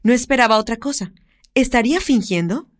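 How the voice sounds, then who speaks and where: Expressive woman reading an audiobook. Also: fairly high pitch, brisk. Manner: expressive storytelling read. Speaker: audiobook narrator. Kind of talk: scripted narration.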